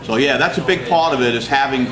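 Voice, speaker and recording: A man's voice: mid-range voice, fast, echoey room, over music, low-quality recording. A middle-aged father speaking earnestly in a casual interview.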